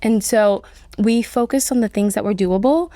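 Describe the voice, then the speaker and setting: A woman's voice: medium pitch, normal speed, dark tone, dry recording, clean studio sound. A woman in her thirties, raised in Colombia, chatting as an interview guest, full of "like" fillers. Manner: chatty, many "like" fillers, laughs often. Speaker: nonprofit CEO, guest. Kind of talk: casual interview conversation.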